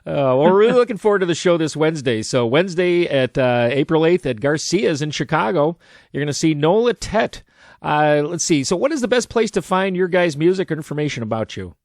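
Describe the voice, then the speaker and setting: A man's voice: a little high, big pitch swings, a little fast, no echo, studio quality. A man hosting a radio interview, upbeat with short friendly interjections. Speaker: radio host.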